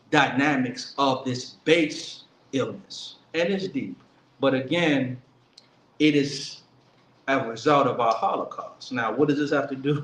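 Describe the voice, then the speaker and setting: A man giving an earnest political speech, emphatic and slowing down to stress key words. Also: medium pitch, fairly bright tone, slight background noise. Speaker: speaker at a commemoration event. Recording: echoey room with faint ambience.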